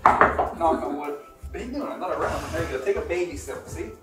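A man's voice: a little high, fairly quick. A man in his twenties chatting and teasing his friends in a jokey, casual way. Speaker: food challenge participant. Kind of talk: joking casual chat among friends. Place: home dining room. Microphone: camera a few metres away. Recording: echoey room, distant mic, music underneath.

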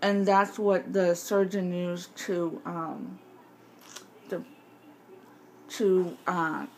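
Low-pitched woman, slightly slurred from mouth splint. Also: low-quality recording. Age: 20s to 30s. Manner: rambling, halting explanation. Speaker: vlogger showing jaw surgery recovery. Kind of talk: casual chat to camera. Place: home kitchen. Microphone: phone at arm's length. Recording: faint background noise, handheld device.

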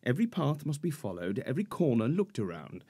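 An actor playing a pompous, fussy middle-aged lawyer in a period radio drama, formal and precise about legal procedure. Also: male voice, mid-range voice, big pitch swings, brisk, warm tone, husky. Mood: exasperated. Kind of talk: 1940s-set radio drama acting.

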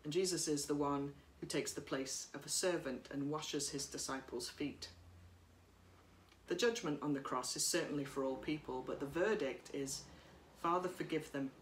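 A woman priest giving a sermon at home, speaking in a gentle, reflective way while reading from notes, recorded by a camera across a room. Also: low voice, moderate pace, reverberant, a little hiss or hum. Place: living room by a bright window.

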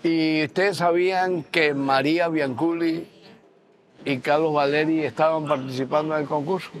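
An older Venezuelan man hosts a relaxed interview at a dining table in a bright room, repeating his guests' answers back to them. His voice sits on the high side, with a steady tone and moderate pace, picked up by a lapel mic.

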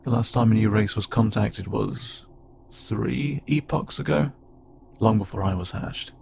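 In an intimate audio roleplay, a man voices an awkward, gentle, insect-like alien pilot who is unsure of himself. His voice sits on the low side and he stammers hesitantly with plenty of self-doubt, sounding curious and gradually softening. The recording is clearly noisy, with a bed of ambient sound underneath.

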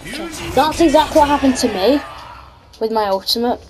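Female gaming host, high-pitched, chatty and reactive, casual commentary over background music. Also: expressive, brisk, darkish tone, low-quality recording. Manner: chatty, reacts aloud to the game. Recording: music behind the voice.

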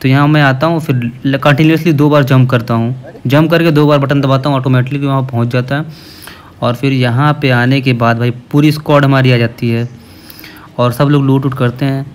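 A man's voice: mid-range voice, fairly even intonation, a little fast. Casual male gaming commentator. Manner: casual, explanatory, addresses viewers as "bhai". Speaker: gaming channel host.

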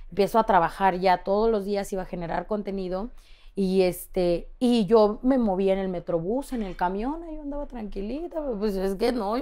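A young woman with a Mexican accent, telling personal stories as a podcast guest and acting out the voices of people she quotes. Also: medium pitch. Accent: Mexican Spanish. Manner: lively storyteller who acts out quoted voices. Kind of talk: casual storytelling interview.

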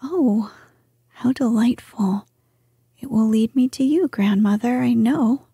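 A woman voicing an eager, affectionate young princess in a soft whisper, reading a storybook. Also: fairly high pitch, slow, husky, no echo, clean studio sound, heavily acted.

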